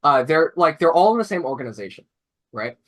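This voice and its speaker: This young robotics mentor chats on a video call in a slightly high, fairly bright voice that swings widely in pitch and moves at a brisk clip. His explanation wanders, full of "like" and "uh," with frequent restarts and self-corrections.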